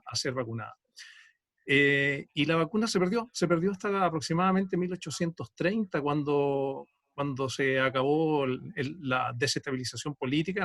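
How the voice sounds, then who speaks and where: A man with a Chilean accent joins an online question session and lays out his account in detail, working through it with many fillers. His voice sits a little high for a man and sounds close and dry. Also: a bit bright, no room sound. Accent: Chilean Spanish. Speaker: audience member, genealogy researcher. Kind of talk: online Q&A comment.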